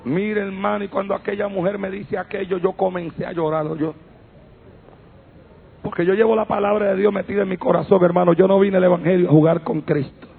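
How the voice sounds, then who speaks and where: A man preaching a fervent sermon, telling a testimony and shouting praise, recorded on an old tape. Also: sits high, fairly even intonation, a little fast, vocal fry, narrow, tinny audio. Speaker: pastor.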